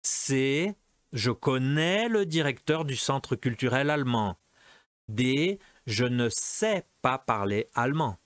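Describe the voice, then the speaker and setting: A man's voice: medium pitch, expressive, dry recording. A man teaching a French lesson, going through exercises patiently and explaining in both French and Portuguese. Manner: slow, patient, drawn-out teaching delivery. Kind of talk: recorded language lesson.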